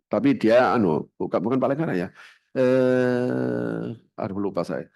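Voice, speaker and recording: A middle-aged man with a Javanese accent preaching a sermon in a mosque and telling stories, swinging between loud outbursts and hushed asides. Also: medium pitch, measured pace, gravelly, no echo. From Java. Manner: storytelling with animated shifts between loud and hushed.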